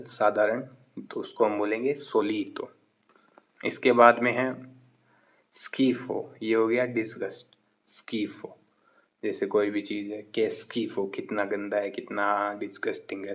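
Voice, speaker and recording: Man calmly teaching vocabulary, dull audio. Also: on the low side. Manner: says each word slowly, then explains it quickly. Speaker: language teacher. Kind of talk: vocabulary lesson.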